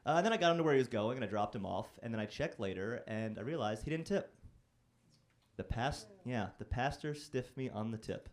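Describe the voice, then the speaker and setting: A man's voice: medium pitch, expressive, brisk. Wry man doing stand-up. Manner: conversational, self-deprecating storytelling with a wry edge. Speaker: stand-up comedian. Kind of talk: stand-up comedy set. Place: comedy club stage.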